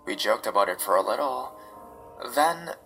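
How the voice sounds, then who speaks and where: A man narrates first-person horror stories in a steady, measured read. His voice is bright and forward, with soft music running faintly beneath. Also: medium pitch, poor audio.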